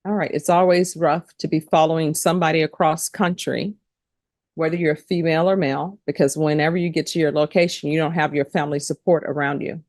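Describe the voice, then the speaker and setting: This judge, a woman overseeing a court hearing, questions people in a formal, procedural way and spells out names. Her voice sits low and has a darkish tone, staying steady as she talks a little fast. The sound is clean studio quality with no room sound.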